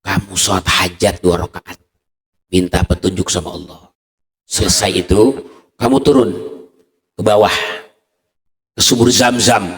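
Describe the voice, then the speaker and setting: A preacher voicing a wise old male sheikh who gives calm, step-by-step instructions, in an echoey mosque hall. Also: deep voice, measured pace, pauses often. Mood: instructing.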